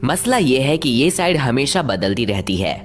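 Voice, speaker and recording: A woman voicing a knowing, patient male gas giant, lecturing assertively, in an educational animated comedy dub. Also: very deep voice, normal speed. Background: faint background music.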